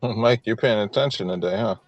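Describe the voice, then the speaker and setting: A man's voice: fairly low pitch, fairly quick, dry recording. A man hosting a casual livestream, chatting loosely with lots of swearing and laughter. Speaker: stream host. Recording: dull lo-fi mic, music behind.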